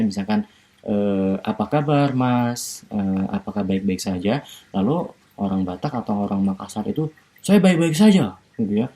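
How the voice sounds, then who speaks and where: A male university lecturer giving a recorded online lecture, explaining slowly with many fillers and tag questions. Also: fairly low pitch, mellow, slightly rough.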